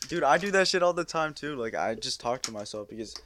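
A man's voice: medium pitch, animated, fast, fairly bright tone, a little hiss or hum. A man co-hosting a casual podcast, laid-back and loose, full of fillers and calling people bro. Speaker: podcast co-host.

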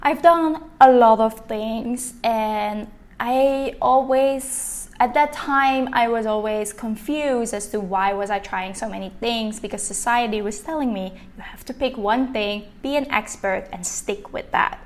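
She's a chatty podcast host and business coach from Belgium, a native Dutch speaker, delivering a solo monologue. Her voice sits on the high side at a measured pace, and her tone is warm and encouraging.

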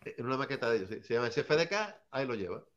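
A man's voice: medium pitch, sing-song, racing, fairly bright tone, muffled recording. A man from Seville, telling hip hop anecdotes in a rambling, casual way and often asking "¿sabes?". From Seville, Spain. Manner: rambling, tags lines with "¿sabes?". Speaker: early hip hop artist.

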